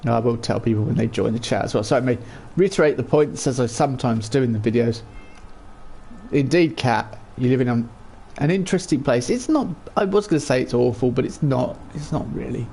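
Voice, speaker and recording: A man with a croaky voice hosts a gaming livestream in a chatty, rambling, self-deprecating way. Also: mid-range voice, expressive, a little fast, dark tone. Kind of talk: casual livestream game commentary.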